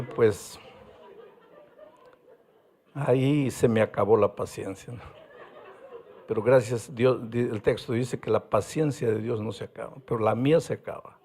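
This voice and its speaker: A man's voice: medium pitch, a little mellow. An older man from Peru with a Peruvian Spanish accent, a pastor telling a story in a sermon and acting out the dialogue. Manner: vivid storytelling with acted-out dialogue. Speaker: pastor and evangelist.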